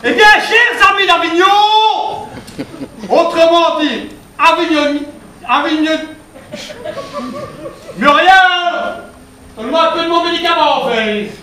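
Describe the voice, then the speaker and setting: A man doing a rambling, tipsy politician, puffed-up and full of puns. His voice sits very high and bright. It sounds like a live stage recording, echoey and picked up from far off. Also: slow pace, long pauses, heavily acted. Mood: pompous. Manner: tipsy, rambling, punning, pompous. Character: drunk pompous Belgian politician, middle-aged man. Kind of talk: stand-up one-man show character. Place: theatre stage.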